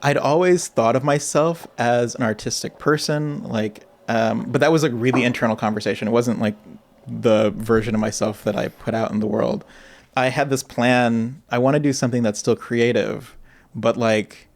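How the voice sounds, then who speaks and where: A man in his thirties, a guest artist in a casual interview, telling his life story in a reflective, animated way. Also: mid-range voice, normal speed, gravelly. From grew up in Asia and Michigan.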